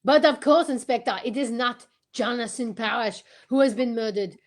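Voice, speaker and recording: Voiced by a woman in a fairly high register, the poised Belgian detective of a vintage radio mystery speaks with polite, leisurely theatricality and scattered French phrases. The acting is light, the mood calm and knowing.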